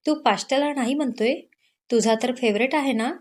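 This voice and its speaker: A woman's voice: high-pitched, fairly quick. A woman voicing a caring, teasing college-aged younger sister in an audio story. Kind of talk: Marathi audio story narration.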